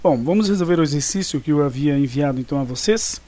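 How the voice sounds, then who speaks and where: A man's voice: on the high side, lively intonation, fast talker, mellow. A male teacher talking through exercises in a recorded online class, casual and chatty, often checking in with his students. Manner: casual, chatty, with many fillers and check-ins.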